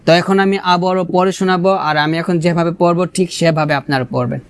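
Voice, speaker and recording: A man with a Bangladeshi Bengali accent teaching Quran pronunciation, drilling syllables slowly and correcting each sound before reciting in a drawn-out melodic chant. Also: high voice, clear, resonant tone, dry recording. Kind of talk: slow tajweed lesson with recitation.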